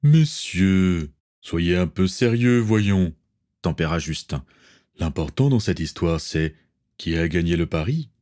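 A level-headed ship's healer with a low, even voice, as the narrator reads him. He talks calmly and deliberately in this storybook reading. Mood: measured.

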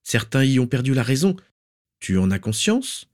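A man's voice: fairly high pitch, lively intonation, moderate pace, a little mellow, pitched above the performer's own voice, natural voice. A man voicing a cold, implacable aristocratic aunt who accuses and scorns in an icy, unemotional tone. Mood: scornful.

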